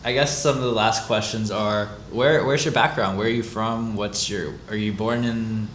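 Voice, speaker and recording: A man hosting a casual interview, upbeat and quick to affirm his guest. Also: lowish voice, steady tone, fairly bright tone. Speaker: podcast host. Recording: roomy echo with faint noise.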